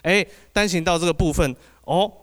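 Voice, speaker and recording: A man with a Taiwanese Mandarin accent doing an animated stand-up set, often asking the audience "you know?". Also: high voice, normal speed. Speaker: podcast host doing stand-up.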